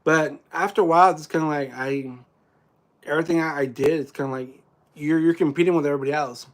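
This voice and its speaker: Male streamer, fairly high voice, loose rambling chat with viewers, lots of restarts. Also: steady tone, fast. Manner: rambling, many restarts and fillers. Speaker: theme park vlogger and live streamer. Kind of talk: casual live stream chat.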